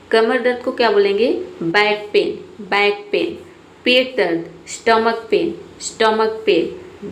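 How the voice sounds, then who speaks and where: A woman teaching English vocabulary, repeating each word slowly and often checking in with "theek hai". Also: mid-range voice. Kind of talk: vocabulary lesson, word lists with repetition. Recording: echoey room, faint background noise.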